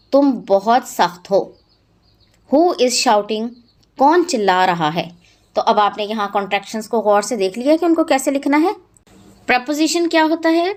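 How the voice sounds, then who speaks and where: A woman teaching a textbook lesson, reading English sentences slowly and spelling out words letter by letter, then explaining quickly in Urdu. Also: medium pitch.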